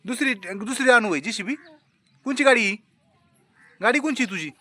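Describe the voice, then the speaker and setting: Bright-voiced man vlogging outdoors on a rainy morning. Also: extremely high pitch, normal speed. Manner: coaxing, soothing talk to a small child. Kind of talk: casual vlog narration.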